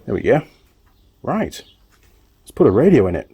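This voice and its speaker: This motorbike mechanic and video host talks informally to his audience as he works, his mid-range voice very animated and creaky, slightly rough, at a normal speed. The sound quality is lo-fi.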